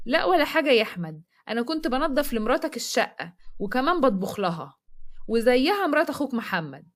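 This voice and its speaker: A tired, put-upon daughter answers back with bitter sarcasm in an Egyptian accent, as a woman storyteller voices her. Her voice is high and her words come fast. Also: sing-song.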